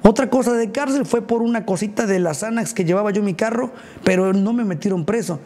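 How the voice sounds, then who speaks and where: High-voiced crude Mexican man ranting. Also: a little fast, warm tone. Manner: crude, slangy and combative, rambling. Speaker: livestreamer and baker. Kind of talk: casual live stream chat greeting viewers.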